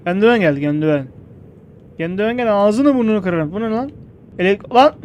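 A young man commentating a game playthrough, excitable and jokey, often yelling at the game. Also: high-pitched, fairly quick, a little hiss or hum. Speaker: gameplay streamer. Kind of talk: gameplay commentary.

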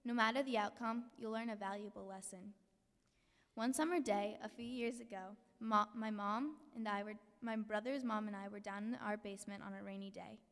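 A woman's voice: mid-range voice, steady tone, normal speed, fairly bright tone. Teen girl speaking in a reverberant hall. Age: teens. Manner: earnest, reads from notes with small slips. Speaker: student speaker. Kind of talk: prepared speech read aloud. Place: large school hall with an audience. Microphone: podium mic, filmed from the back of the hall. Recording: long hall reverb, distant camera.

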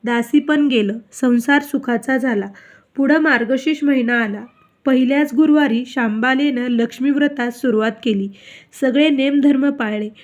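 A woman with a Marathi accent narrating a devotional story in a steady, measured storytelling manner. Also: high-pitched.

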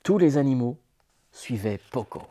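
A man reading picture books aloud for small children, animated and chanting drum sounds and rhymes. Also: mid-range voice, normal speed. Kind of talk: read-aloud picture book narration.

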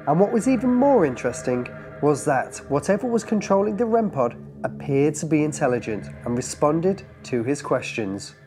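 A documentary narrator delivering scripted, measured, suspenseful narration. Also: mid-range voice, sing-song, over music.

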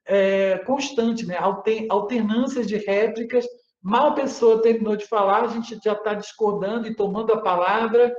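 A man giving an online academic lecture. He explains patiently, often tags his phrases with a questioning "né?" and pauses on fillers. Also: sits high, steady tone, a little mellow. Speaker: university lecturer. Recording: roomy, slightly dull audio.

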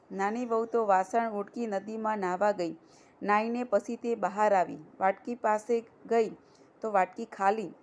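A woman reading a devotional folk tale aloud in a steady, plain storytelling manner. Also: mid-range voice.

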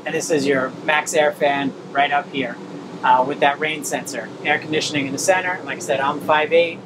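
A man in his fifties presents an informal product tour, explaining features as he moves around. His voice sits a little higher than usual for a man. It is picked up by a camera mic with light ambient noise behind it. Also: fairly even intonation, moderate pace. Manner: explanatory, pointing things out while moving around. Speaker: presenter of a camper trailer tour. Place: at an outdoor RV display, in and around a small trailer.

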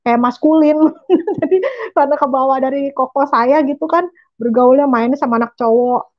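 A chatty woman hosts a relaxed interview, her voice sitting high and bright. She talks easily and laughs often, and the recording sounds a little dull and lo-fi. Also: moderate pace. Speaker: host. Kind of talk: casual interview chat.

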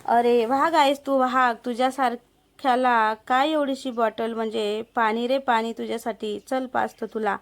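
A woman's voice: on the high side, steady tone, a little slow. A woman voicing a lecherous, threatening male village moneylender in a story. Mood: sly. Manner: threatening, coaxing. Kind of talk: storybook narration.

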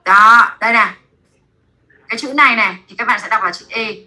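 A woman teaching basic French to a class in a classroom, with a Vietnamese accent, repeating words slowly for students to echo. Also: on the high side, sharp tone.

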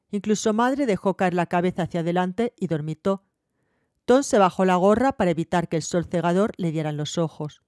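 Warm-voiced woman audiobook narrator. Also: fairly low pitch, dry recording, studio quality.

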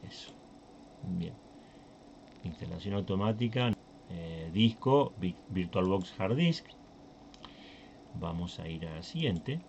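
A man's voice: lowish voice, darkish tone, dull audio, slight background noise. A Uruguayan man hosting a tech channel, talking casually through a screen recording and thinking aloud with many fillers and restarts. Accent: Uruguayan Spanish.

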